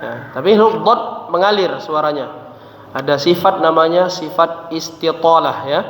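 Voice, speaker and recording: A man's voice: a little high, measured pace, fairly bright tone, a little hiss or hum. A man teaching Quran recitation, patiently drilling letter sounds and often ending phrases with a short tag. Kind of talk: tajwid lesson with letter drills. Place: mosque hall. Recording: echoey hall with faint ambience.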